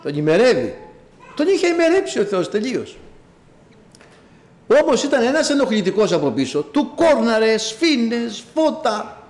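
A man preaching a sermon, telling stories and addressing the congregation directly in an animated way. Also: very high voice. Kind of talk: sermon with storytelling.

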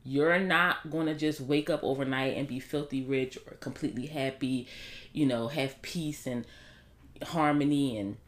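A woman in her thirties with a low, dusky voice. She speaks in a casual, blunt monologue to her viewers, full of slang, and gets animated when she makes a point. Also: moderate pace. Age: 30s. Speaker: vlogger.

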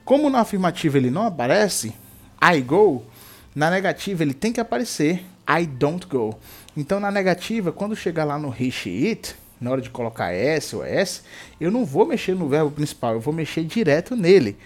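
A man's voice: fairly high pitch, big pitch swings, a little fast. Brazilian man teaching English grammar. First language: Portuguese. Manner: explanatory, repeats examples, frequent "tá?" checks. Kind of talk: explaining grammar to students.

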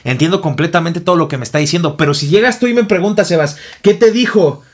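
A man's voice: fairly high pitch, expressive, racing. A Mexican man in a rambling, slangy casual chat with a Mexican accent.

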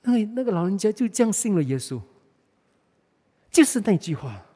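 A man's voice: high voice, big pitch swings, moderate pace, mellow. A man with a Malaysian Mandarin accent preaching a sermon, telling a story in a conversational way and often repeating and restarting his words. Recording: reverberant hall.

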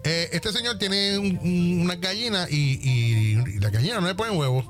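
Animated man telling jokes. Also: high-pitched, moderate pace, faint music behind. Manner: animated storyteller, acts out dialogue and sound effects. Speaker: podcast guest. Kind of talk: casual joke telling.

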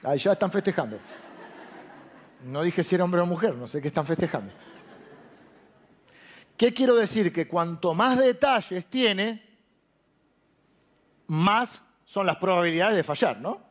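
A man's voice: sits high, animated, measured pace, long pauses. A man preaching a conversational sermon, asking and answering his own questions. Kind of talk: conversational sermon to a live audience.

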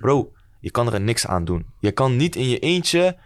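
A man's voice: mid-range voice, sing-song, moderate pace. A young man with a Moroccan-Dutch accent chats casually in street slang, emphatic and often repeating himself. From Netherlands, Moroccan background. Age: young adult. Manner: street slang, addressing friends as bro. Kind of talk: casual chat.

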